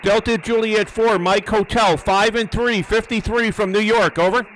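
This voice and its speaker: A man's voice: sits high, steady tone, moderate pace, a bit bright, a little hiss or hum, low-quality recording. A man working as an amateur radio operator, making live contacts and antenna tests, repeating words and call signs methodically.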